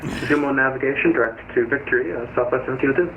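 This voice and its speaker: A man playing a pilot who reads back controller instructions over a radio channel, with small hesitations. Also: medium pitch. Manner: quick readbacks with small hesitations. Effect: heard over a radio channel. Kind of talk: radio readbacks in aviation phraseology. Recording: tinny radio voice chat with clear hiss.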